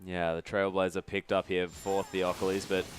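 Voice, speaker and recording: A man giving color commentary on an esports match, wry and conversational with bursts of excitement. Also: sits low, normal speed, slight background noise.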